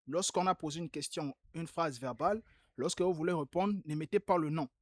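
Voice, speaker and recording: A man's voice: fairly high pitch, brisk, no echo, studio quality. Patient man correcting homework aloud. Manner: patient, repeats key points emphatically. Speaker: Arabic teacher. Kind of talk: online class, correcting homework.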